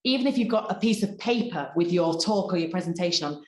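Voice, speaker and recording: A woman speaks as a personal development coach leading a workshop, with a slightly low voice. She talks in an expressive, deliberate coaching manner. Her voice carries a roomy echo. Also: a little hiss or hum. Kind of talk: workshop presentation.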